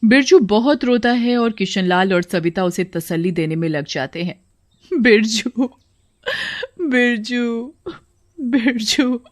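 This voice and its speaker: A woman's voice: on the low side, normal speed, a little mellow. Woman narrating a horror story.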